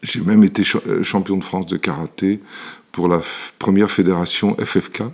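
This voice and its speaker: In relaxed personal storytelling, an Italian man in his seventies, an elixir maker and interview guest, talks about his life from his workshop. His voice sits low with fairly even intonation at normal speed, and his hesitant speech is packed with fillers and restarts.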